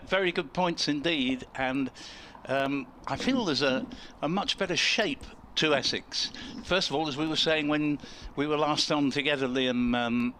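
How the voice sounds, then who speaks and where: Bright, forceful male cricket commentator over noise. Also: mid-range voice, poor audio. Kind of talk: live ball-by-ball commentary.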